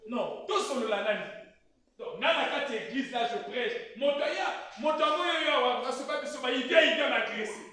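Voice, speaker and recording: A pastor preaches with a very high, sharp voice. He drops to quiet asides, then shouts his points to the congregation. The sound comes from a distance and rings around a big echoey hall. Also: lively intonation, moderate pace. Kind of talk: sermon. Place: church hall. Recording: echoey church hall from far off.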